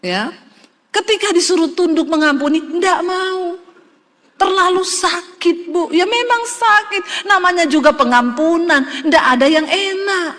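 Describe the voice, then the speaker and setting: A woman's voice: very high voice, unhurried, fairly bright tone, big-room sound. A middle-aged woman pastor preaching a sermon. She talks in an emphatic, conversational way and speaks straight to the congregation.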